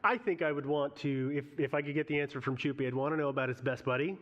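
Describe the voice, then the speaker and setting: A man's voice: a little high, quick pace, lo-fi sound. A man co-hosting a podcast at a live audience Q&A, with dry, wry humor. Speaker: podcast co-host.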